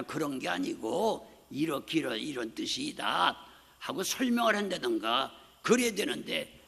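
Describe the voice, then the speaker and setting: Animated older male pastor preaching. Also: high-pitched, vocal fry, husky. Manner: animated storytelling, acts out quoted voices, frequent "네?" asides. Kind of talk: sermon. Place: church sanctuary. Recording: long hall reverb.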